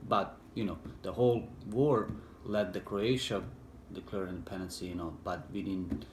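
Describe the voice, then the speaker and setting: Middle-aged man, Bosnian accent, non-native English, halting, filler-heavy, echoey room, faint noise. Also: low-pitched, steady tone. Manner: halting, many fillers and restarts, broken English. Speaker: interviewee, war veteran. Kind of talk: personal recollection, hesitant.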